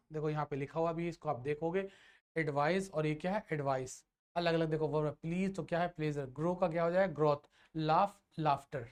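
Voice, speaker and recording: A man's voice: a little high, smooth. Man quizzing through a grammar lesson. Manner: asks and answers his own questions. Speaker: grammar teacher. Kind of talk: classroom lecture.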